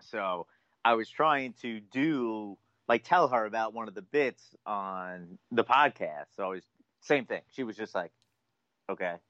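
A man co-hosting a podcast, chatting casually in an animated, filler-heavy, self-deprecating way. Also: on the low side, unhurried, dry recording. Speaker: podcast co-host. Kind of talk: casual chat. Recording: dull dry lo-fi audio.

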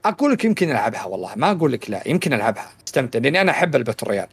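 Male co-host, blunt and chatty, quick pace, casual gaming podcast talk. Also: mid-range voice, sing-song, breathy edge, no room sound.

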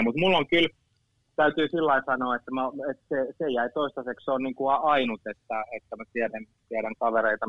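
A man's voice: mid-range voice, a bit bright, dry recording. A man in his fifties telling stories as a guest in casual chat, rambling, repeating words and swearing casually. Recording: dull lo-fi sound.

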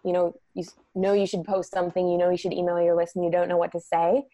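Animated woman guest, dry close sound. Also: fairly low pitch, fast, no room sound. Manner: animated storyteller, laughs easily, says "like" a lot. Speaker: guest, messaging strategist. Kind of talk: casual interview chat.

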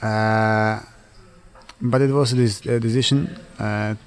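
A man's voice: lowish voice, steady tone, clear, resonant tone. Hesitant man, non-native English. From Switzerland. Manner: halting non-native English with many fillers and restarts. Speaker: interviewee, footballer. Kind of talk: casual interview answers.

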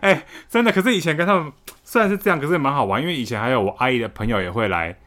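A man, co-hosting a casual chat show and telling childhood stories in an animated way, laughing often. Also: medium pitch, racing. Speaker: podcast co-host.

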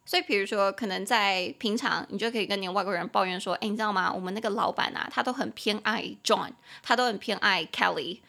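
An English tutor hosts a casual podcast lesson, her medium-pitched voice quick and edged with vocal fry, rarely pausing and carrying a sharp tone. She's chatty and wanders off on tangents, spelling out words as she teaches and switching between Mandarin and English.

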